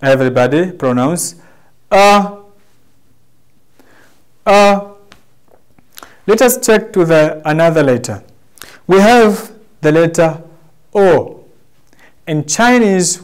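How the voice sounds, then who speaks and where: A man with a Tanzanian accent teaching a language lesson, drawing out his words slowly and repeating examples for the class. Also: fairly high pitch, animated, smooth. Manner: slow, drawn-out teaching delivery with repeated demonstrations.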